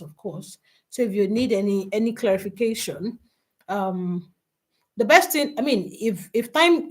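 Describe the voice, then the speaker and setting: A woman, hosting a live online workshop, chatty and laughing often as she greets viewers by name. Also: mid-range voice. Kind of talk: live online teaching session.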